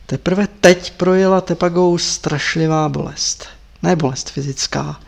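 Measured male audiobook narrator. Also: on the high side, steady tone, vocal fry.

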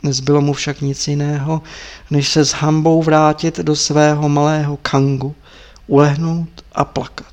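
A man narrating a story as an audiobook reader in a measured, even way. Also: a little high.

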